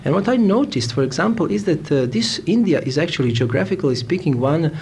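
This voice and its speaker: A man from Novi Sad, Serbia, with a Serbian accent and a slightly high, darkish voice talks fast with lively intonation. A Hare Krishna devotee, he answers interview questions conversationally in a room in India, sometimes searching for English words, with faint background noise in this informal setting.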